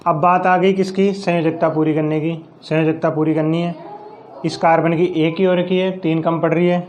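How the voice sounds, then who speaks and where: A man's voice: on the high side, level tone, normal speed, a little mellow, slight background noise. A male science teacher with a Rajasthani Hindi accent, giving a classroom chemistry lesson. He explains each step, counts aloud and asks questions that he then answers himself.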